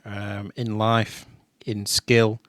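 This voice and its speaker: A man giving casual reaction commentary in a relaxed way, repeating himself and using fillers like um and you know. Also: fairly low pitch, very slow, dry recording, studio quality. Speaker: reaction video host.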